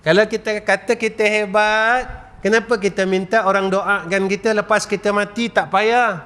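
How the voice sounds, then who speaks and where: Smooth-voiced Malaysian preacher man. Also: high voice, steady tone, a bit bright. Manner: rhetorical questions, repeated 'tuan-tuan'; slow chanted dhikr recitation. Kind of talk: religious lecture to a congregation.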